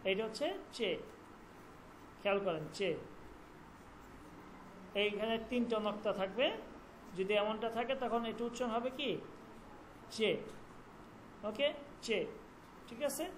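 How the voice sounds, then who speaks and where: A man teaching a language class online, repeating each letter sound slowly and checking that students follow. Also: sits high, fairly bright tone, a little hiss or hum.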